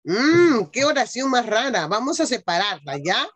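A woman's voice: on the high side, sing-song, normal speed. A woman teaching an online class to young children, patiently dictating and sounding out words syllable by syllable over a video call. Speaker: primary school teacher.

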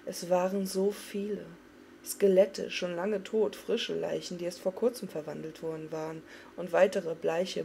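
Woman narrator, dramatic fantasy audiobook reading, dark gravelly voice. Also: on the low side, slight background noise. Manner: expressive, dramatic. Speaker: audiobook reader.

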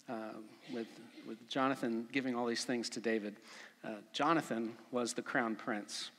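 A man preaching a conversational sermon as pastor at a pulpit microphone, relaxed, with frequent fillers. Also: mid-range voice. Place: church sanctuary. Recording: long church reverb.

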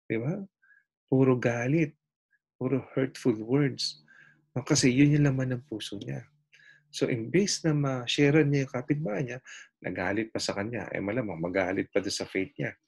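A man's voice: mid-range voice, moderate pace, creaky, husky, rough recording. A man preaching a sermon, mixing in English and firing questions at his listeners. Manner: mixes in English, asks the listeners questions again and again.

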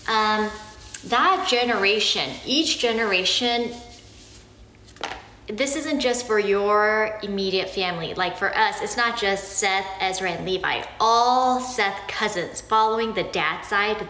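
A woman from Korea explaining something slowly and patiently, often checking in with "okay?". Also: mid-range voice, fairly bright tone, echoey room, poor audio. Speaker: family vlogger explaining Korean naming. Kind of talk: casual explanatory talk to camera.

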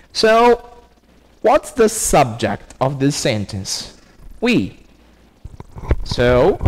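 Animated Brazilian man teaching slowly. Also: medium pitch. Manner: explains step by step, checks in with frequent "ok?". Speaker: English teacher. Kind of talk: recorded class lesson.

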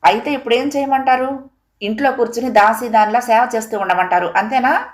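A woman's voice: mid-range voice, normal speed, lightly acted. A woman voicing a proud, defiant young wife who answers back sharply. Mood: angry. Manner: sharp, scornful retorts.

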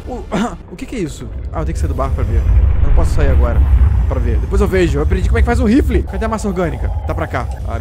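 A man's voice: a little high, background noise. Jumpy Brazilian man yelping at game. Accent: Brazilian Portuguese. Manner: jumpy, exclaims and yelps when scared. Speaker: gameplay streamer. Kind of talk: excited gameplay commentary.

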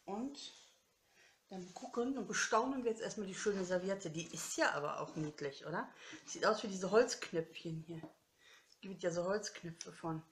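Female crafter host, casual and effusive, slightly low pitch, unboxing-chat delivery. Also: moderate pace, slight background noise. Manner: gushing, chatty, laughs often. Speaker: craft vlogger.

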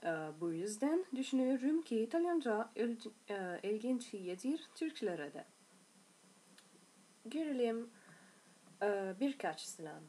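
An Italian woman with an Italian accent teaching a beginner language lesson in halting, broken learner's Turkish, searching for words. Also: fairly high pitch, sing-song, dark tone, breathy edge. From Italy.

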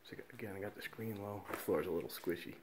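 Inside abandoned school buildings, a man filming his exploration gives a hushed running commentary, frequently whispering and letting out awed exclamations. His voice is fairly low and he talks at a racing pace, with background noise present.

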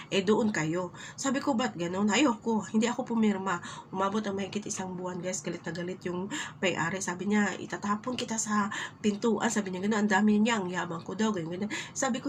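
A woman's voice: mid-range voice, a little hiss or hum. A middle-aged woman from the Philippines, sick but telling her story in a casual vlog, chatting straight to her viewers and turning emotional at times. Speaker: vlogger. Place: home in Kuwait.

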